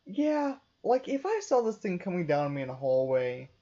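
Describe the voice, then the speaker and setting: Young woman, deep mellow voice, laid-back casual review co-host, lo-fi mic. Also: moderate pace. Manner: relaxed, laid-back, frequent "like". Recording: dull lo-fi sound.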